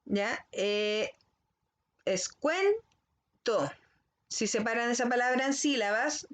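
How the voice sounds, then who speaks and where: A woman teacher giving a recorded language lesson to children. She explains slowly and carefully and keeps checking in with the class. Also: a little high. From Chile.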